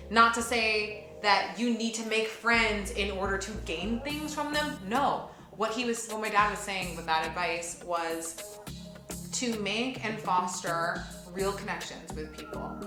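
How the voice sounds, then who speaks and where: A woman who voices a character in an audio drama gives a casual, reflective interview, speaking expressively and emphatically and correcting herself along the way. Her voice is medium-pitched and bright with a forceful tone. The recording has a roomy echo with music playing behind her.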